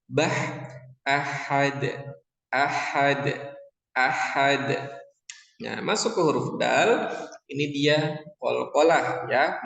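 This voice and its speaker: In an echoey room with long reverb, a man teaches Quran recitation, patiently repeating syllables and chanting verses to demonstrate proper tajwid pronunciation. His mid-range voice is a bit bright, with vocal fry.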